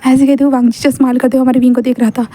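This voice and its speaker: A woman's voice: sits high, flat delivery, racing, warm tone, dry recording. A woman casually narrating a fan-fiction story, voicing all the characters herself in one chatty tone, with stumbles and fillers.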